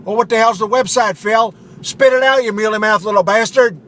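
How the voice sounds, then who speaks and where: A man's voice: high-pitched, brisk, voice pushed up. A man doing a cranky, swearing barfly. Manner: loud and irritable, swearing. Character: cranky, foul-mouthed male barfly.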